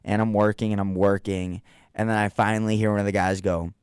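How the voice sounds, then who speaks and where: Young male radio host, slightly low, dry studio sound, animated storyteller. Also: a little fast, clean tone, dry recording. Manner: animated, mocking storyteller who acts out others' voices. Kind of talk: casual storytelling chat.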